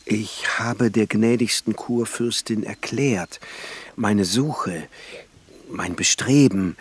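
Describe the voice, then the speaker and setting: In a radio drama, a male actor portrays a brooding, philosophical court alchemist, using formal, old-fashioned phrasing. His medium-pitched voice is husky and breathy, and his mood is earnest.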